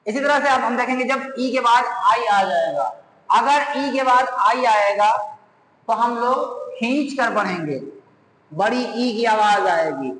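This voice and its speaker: A man with a very high voice teaches a grammar lesson at an unhurried pace, spelling words out letter by letter. His voice rings in a reverberant room with a long tail. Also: fairly bright tone, a little hiss or hum. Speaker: English teacher.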